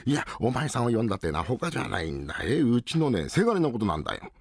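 A man's voice: mid-range voice, big pitch swings, quick pace, creaky, a little mellow, dry recording. A man in a rakugo storytelling voicing a worried older merchant father who talks in a coaxing, anxious way.

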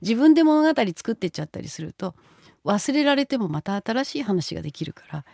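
A middle-aged woman being interviewed, telling stories in an animated way and acting out the dialogue. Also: medium pitch, fairly quick, vocal fry, dry recording, studio quality. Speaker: guest author. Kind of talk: conversational interview.

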